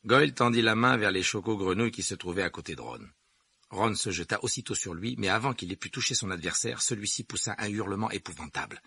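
A man calmly narrating a novel in a steady reading voice. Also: quick pace, gravelly, slightly rough, dry recording. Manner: calm, lowered narrating voice. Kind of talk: audiobook reading.

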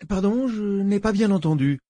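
A man's voice: high voice, expressive, moderate pace, mellow, no room sound, pitched above the performer's own voice. A man voicing a cold, impatient billionaire who speaks in a curt, clipped way.

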